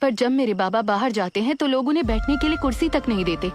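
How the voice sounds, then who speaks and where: A woman's voice: a little high, animated, fast talker, natural voice. An actress dubbing a defiant young woman who speaks firmly and with passion, over film music. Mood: impassioned. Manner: firm, impassioned. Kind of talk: Hindi film dub. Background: film score.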